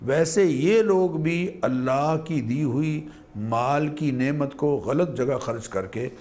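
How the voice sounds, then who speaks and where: A man, a religious scholar on a TV program, explaining scripture in a measured, learned manner and weaving in Arabic quotations. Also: on the high side, darkish tone, faint music behind.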